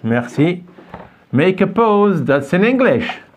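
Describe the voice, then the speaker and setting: A man's voice: high voice, very animated, slow pace, a little hiss or hum. A man teaching a French lesson in a classroom, patiently repeating phrases for his students to echo back. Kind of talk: classroom lesson with call-and-response drilling.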